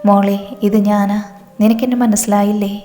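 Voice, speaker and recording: A woman narrator voicing a gentle, motherly nun who soothes a frightened girl in a soft, reassuring way, over reverb and background music. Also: medium pitch, flat delivery, normal speed, lightly acted. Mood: soothing.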